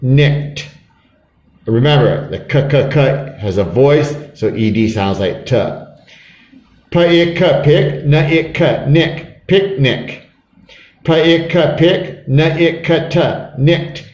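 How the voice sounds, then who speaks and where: A male English teacher who talks very slowly, sounding out each letter and chanting verb forms one by one. His voice sits a little high for a man, and the room around him is echoey. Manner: slow, drilling, sounds out letters and chants conjugations. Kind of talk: classroom phonics lesson.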